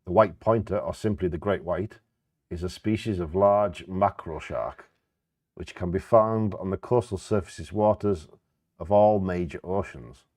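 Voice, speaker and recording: A man's voice: deep voice, measured pace, darkish tone, dry recording, studio quality. A man co-hosting, reading out facts informally and stumbling over scientific words.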